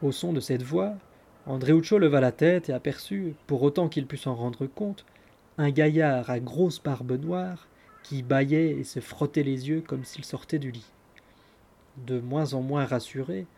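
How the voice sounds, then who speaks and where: A man reading a classic tale aloud in a measured, expressive way. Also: mid-range voice, vocal fry. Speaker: audiobook reader. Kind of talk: scripted narration of a classic tale.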